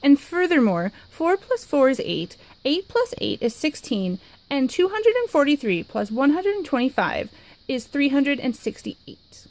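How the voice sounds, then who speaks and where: A woman voicing a loud, boastful female capybara pupil who blurts out answers and interrupts. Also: sits high, sing-song, unhurried, pitched above the performer's own voice, exaggerated voice, poor audio.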